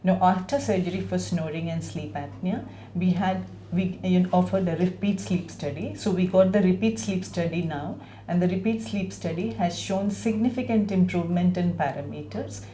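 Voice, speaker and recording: Low-voiced woman doctor, echoey. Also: normal speed, mellow, slight background noise. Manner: explanatory, clinical. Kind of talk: medical explanation to camera. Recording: echoey room.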